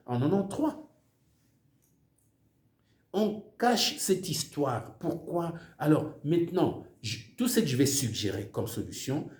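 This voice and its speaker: A political speaker, an older Congolese man from the DRC with Swahili as his first language and a Congolese French accent, gives a passionate monologue full of emphatic repetition, repeating words as he searches for them. His voice is on the high side with a darkish tone, heard in an echoey room.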